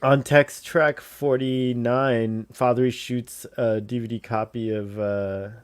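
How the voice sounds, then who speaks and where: A man's voice: mid-range voice, steady tone, slow pace, smooth, dry recording. A man chatting casually as a watch-along co-host, giving offhand commentary.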